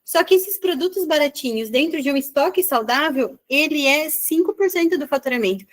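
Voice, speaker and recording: High-voiced chatty woman mentor. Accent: Brazilian Portuguese. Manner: chatty, animated storytelling with quick asides. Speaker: business mentor. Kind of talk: online mentoring session.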